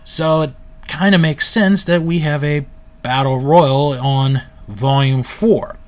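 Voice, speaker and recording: A man giving a casual, relaxed recap of a video, often correcting himself and filling pauses with "um" and "uh.". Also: on the high side. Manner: relaxed, self-correcting with frequent fillers. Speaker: video reviewer.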